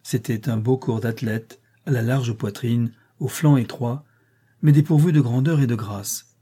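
A man reading a classic novel aloud as an audiobook in a measured, even way. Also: mid-range voice, breathy edge. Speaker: audiobook reader. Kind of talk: scripted narration.

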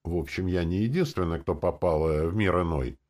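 A man's voice: low voice, a little fast, darkish tone, natural voice. A man voicing a frightened, bewildered man who talks timidly and pleadingly. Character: frightened bewildered man, newly arrived stranger.

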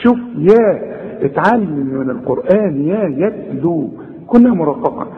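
A man with an Egyptian Arabic accent teaching Quran recitation, modeling words slowly and coaxing the learner. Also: fairly high pitch, lively intonation, long reverb tail, phone-quality sound. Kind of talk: tajweed lesson, recitation with explanation.

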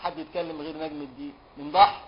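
An Egyptian sheikh with a fairly high voice teaches a class. He draws out memorized verses in a slow chant, then switches to quick, colloquial questions for his students. The lecture recording is dull and lo-fi, with a faint hiss behind him. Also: little pitch movement. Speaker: sheikh teaching a religious law text.

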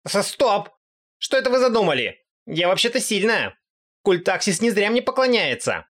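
A man reading aloud and voicing a brash young goddess who gets loud and indignant. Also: big pitch swings, normal speed, full character voice. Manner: shrill, indignant, whiny.

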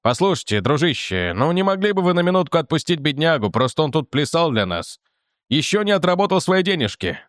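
A man voicing a calm young man who speaks curtly and reasonably. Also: on the high side, a little fast, dry recording. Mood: persuasive. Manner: dry, curt, reasonable.

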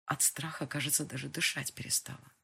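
A woman narrating a first-person audiobook with a husky voice and tense dramatic reading. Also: low voice, steady tone, brisk, bright, forceful tone.

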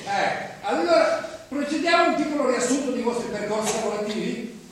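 In a live stage play recorded from far away, with echo and noise, an actor plays a smug job-agency recruiter who chuckles and speaks in corporate jargon. His voice is very high-pitched, animated and fairly quick.

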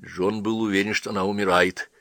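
A man narrating an audiobook novel in an expressive storytelling reading, close to the mic. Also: on the low side, fairly quick, dry recording. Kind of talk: scripted narration.

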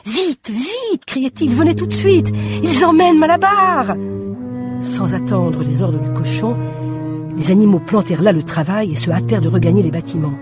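A reader giving a steady radio drama reading, rising for dramatic moments. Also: mid-range voice. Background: music.

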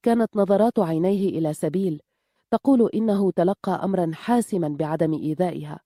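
A woman with a low, mellow voice reads an audiobook in a calm, measured way. The sound is close and dry, with no room around it. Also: no echo. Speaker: audiobook narrator. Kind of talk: audiobook narration.

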